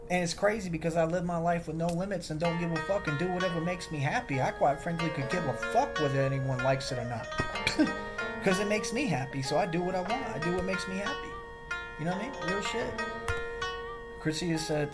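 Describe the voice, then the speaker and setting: A man talking on a livestream, boastful and defensive, repeating himself as he rambles. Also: on the high side. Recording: loud music behind the voice.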